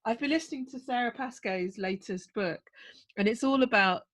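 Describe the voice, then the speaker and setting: A woman's voice: on the high side, moderate pace, a bit bright. A woman co-hosting a podcast, chatting casually with a teasing, informal comic manner. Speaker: podcast co-host. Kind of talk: casual comedic banter.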